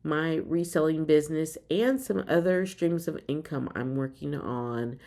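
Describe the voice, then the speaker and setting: A woman in her fifties talks casually to her viewers in a vlog, upbeat and full of ums. Her voice sits very low, with a gravelly, fried edge. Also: unhurried, mellow. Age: 50s. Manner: chatty, frequent ums, upbeat. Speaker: reseller vlogger. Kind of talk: casual chat to camera.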